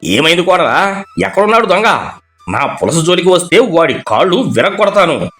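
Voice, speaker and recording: A man's voice: high-pitched, sing-song, normal speed, fairly bright tone, soft background music. A man voicing a stern older father-in-law who angrily scolds a thief. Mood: alarmed. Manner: angry, scolding. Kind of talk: animated storybook voice acting.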